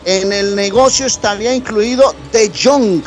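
A man's voice: high-pitched, normal speed, faint music behind. A man co-hosting a radio show, chatting casually and hyping up news with teasing banter. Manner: excitable, teasing, hypes news. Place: radio studio.

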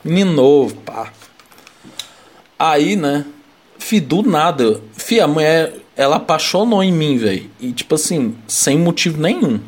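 A young man from Brazil tells a story among friends, loose and slangy, with a voice pitched a little above the usual. He keeps stacking fillers and laughs between lines. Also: big pitch swings, unhurried, husky. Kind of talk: casual chat.

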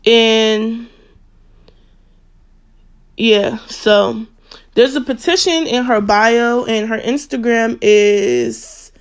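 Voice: medium pitch, very slow, long pauses, clear, resonant tone. A social media commentator talking casually, reading a string of text messages aloud with frequent fillers and self-corrections.

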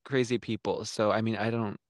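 A man's voice: on the low side, steady tone, a little fast, dry recording, studio quality. A man appearing as a podcast guest, giving brief, agreeable replies and laughing along. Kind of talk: casual chat.

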